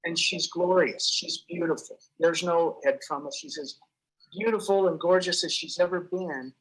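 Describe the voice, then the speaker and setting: A man giving an earnest, halting personal testimony as an accident survivor, often restarting his sentences. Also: on the high side, fairly bright tone, breathy edge, low-quality recording.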